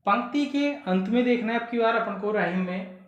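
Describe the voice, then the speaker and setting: A woman's voice: mid-range voice, fairly quick, highs cut off. A woman teaching an exam prep lesson, explaining step by step, repeating key words and asking rhetorical questions. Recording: echoey room, voice far from the mic.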